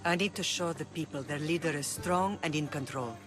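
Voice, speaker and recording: This low-voiced actress plays a composed, commanding middle-aged mother who governs an island. She speaks fairly quickly in a near-everyday tone during a video game cutscene scored with music.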